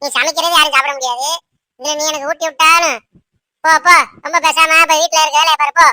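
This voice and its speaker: A woman voicing a sharp-tongued, domineering old mother-in-law in a cartoon, scolding and bossing her daughter-in-law. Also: sits high, fairly even intonation, fast talker, no room sound. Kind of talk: cartoon voice acting.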